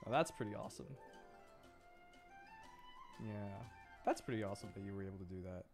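A fairly low-pitched male voice, talking a little fast. He's a VTuber host livestreaming a game with music in the background, chatting casually and giggling as he reacts to what happens in play and in chat.

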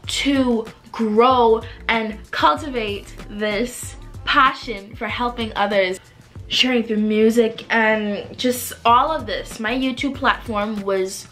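A young woman from the Bahamas, vlogging to camera from her bedroom in a casual, animated way. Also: on the high side, takes it slowly, faint music behind. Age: young adult. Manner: animated, expressive, gestures a lot while talking. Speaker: vlogger and singer-songwriter. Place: bedroom with desk and shelves, indoors.

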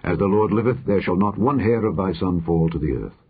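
A man's voice: low voice, a little fast, slightly rough. A man reading aloud drops his voice for a weary, grave king. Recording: muffled phone-like audio.

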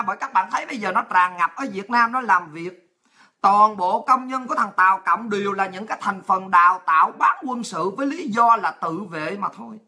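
A woman's voice: mid-range voice, bright, forceful tone, husky. A woman with a Southern Vietnamese accent giving a heated, crude and mocking political rant. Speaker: political commentator. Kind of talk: ranting political commentary.

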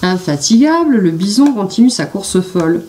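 A woman narrating a children's picture story in an expressive, animated reading voice. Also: medium pitch, normal speed, distant mic, slight background noise.

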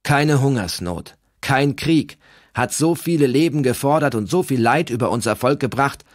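A man's voice: medium pitch, expressive, moderate pace, no room sound, studio quality, pitched above the performer's own voice, lightly acted. A man reading aloud, voicing a determined young Norse leader who pleads earnestly. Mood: urgent.

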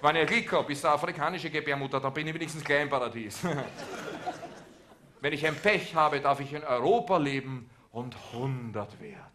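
An Austrian cabaret comedian with a slightly high voice delivers a sarcastic, ranting monologue. He needles the audience directly, and his mockery keeps switching between biting and deadpan. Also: normal speed, a little hiss or hum. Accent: Austrian German. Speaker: cabaret performer. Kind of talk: satirical stage monologue. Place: theater stage.

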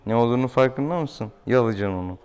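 Speaking quickly in a medium-pitched, darkish voice, this male vet hosts a clinic video from a small exam room. His talk is casual and playful, aimed at both the pet and viewers, and he teases the animal with affection. Clear room noise sits behind him.

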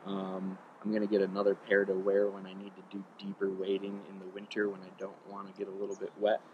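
A man in his thirties giving a relaxed, rambling gear review to a camera on a riverbank. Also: low voice, quick pace, narrow, tinny audio, background noise. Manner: relaxed, chatty, rambling with ums. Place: outdoors on a riverbank. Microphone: camera on tripod a few meters away.

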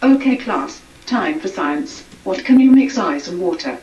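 A female computer voice playing a stern school teacher, flat and synthetic, heard from afar in an echoey room. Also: fairly low pitch, measured pace. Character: cafeteria and science teacher, stern. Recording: echoey, distant, dull TV sound.

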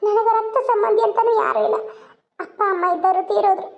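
A woman voicing a young orphaned wife in a cartoon, gentle and imploring. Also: very high-pitched, fairly even intonation, fairly quick, gravelly, lo-fi sound. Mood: pleading. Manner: tearful, imploring.

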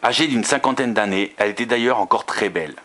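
A man reading a romance novel aloud, steady, with occasional slips and restarts. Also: on the low side, quick pace.

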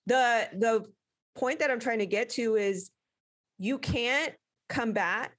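A woman's voice: on the high side, takes it slowly, fairly bright tone. A woman hosting a faith-based podcast, explaining her points in a winding way with many fillers. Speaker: podcast host. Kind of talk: casual faith-based talk.

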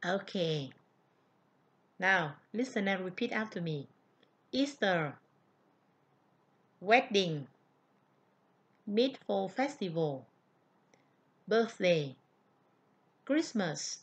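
A woman's voice: medium pitch, expressive, very slow, pauses often. A woman English teacher with a Vietnamese accent, whose native language is Vietnamese, giving an online vocabulary lesson and carefully repeating each word as a model.

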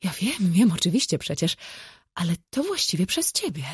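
A woman's voice: fairly low pitch, very animated, moderate pace, breathy edge, no echo, clean studio sound, full character voice. A woman voicing a fussy, scheming middle-aged mother in an audiobook, who talks dramatically and drops into conspiratorial whispers. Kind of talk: audiobook character voice.

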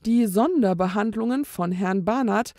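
A woman reading a children's book aloud in a calm, measured storytelling manner. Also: medium pitch, dry recording, clean studio sound. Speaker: storybook reader.

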